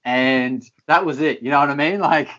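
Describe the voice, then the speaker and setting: A man's voice: mid-range voice, normal speed, fairly bright tone, muffled recording. A man speaking candidly in an interview, earnest, often repeating words to stress a point. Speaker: podcast guest.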